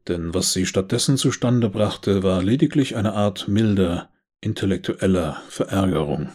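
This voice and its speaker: Low husky German audiobook narrator. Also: male voice, darkish tone.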